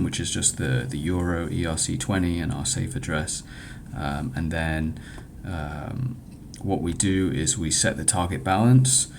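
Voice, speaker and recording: Walking through a demo of the software he built at a hackathon, a developer talks informally in a halting, hesitant way full of stumbles. A low rumble and clear background noise run under the recording.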